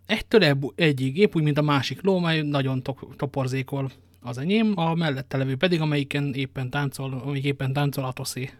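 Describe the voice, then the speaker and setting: Brief: a man voicing a dashing young musketeer, playful and quick-witted, in a dry storybook read. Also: mid-range voice, dry recording, natural voice. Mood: bantering. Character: young dashing male musketeer, bold and teasing.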